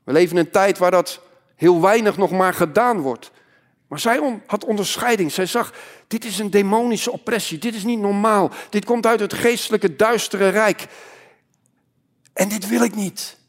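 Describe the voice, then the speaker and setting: Male pastor, high voice, impassioned sermon, swings from loud to hushed. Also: normal speed.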